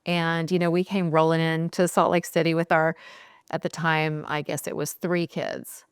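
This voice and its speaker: A woman in her forties from California, a guest talking about her career in a relaxed, chatty way, laughing now and then and using lots of fillers. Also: low-pitched, moderate pace, clean tone, no echo, studio quality. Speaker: guest, skincare founder. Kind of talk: casual interview chat.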